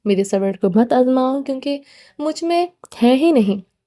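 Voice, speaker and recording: A woman's voice: sits high, expressive, warm tone. A woman reading the part of a menacing, short-tempered young man in a storybook, in a cold, commanding way.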